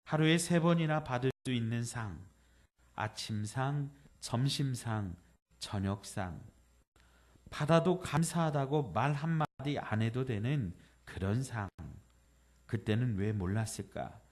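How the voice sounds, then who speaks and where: A male pastor giving a Sunday sermon, reading a poem and a letter aloud gently and slowing down on the tender lines. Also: medium pitch, animated. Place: church sanctuary.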